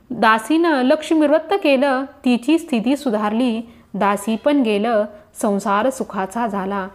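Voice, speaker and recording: Casting note: woman storyteller, devotional tale, slow and measured, slightly high voice.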